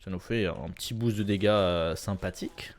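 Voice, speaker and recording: A young man casually commenting on his own video game run, chatty and self-correcting with sudden excited bursts. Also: deep voice, moderate pace. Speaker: gameplay commentator. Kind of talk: casual let's-play commentary.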